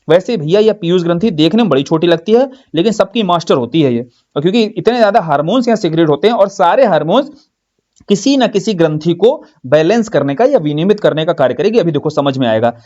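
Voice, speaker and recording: High-pitched man teaching, dull audio. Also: a little mellow. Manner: explains with everyday examples, asks and answers own questions; often adds "bhai" and "theek" fillers. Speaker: exam coaching teacher. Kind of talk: conversational Hindi lecture.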